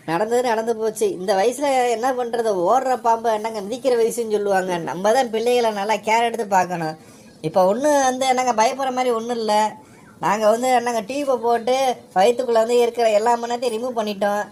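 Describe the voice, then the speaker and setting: A woman voicing a hospital doctor in a cartoon, calmly and patiently explaining to a mother. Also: a little high, quick pace, close to an everyday voice.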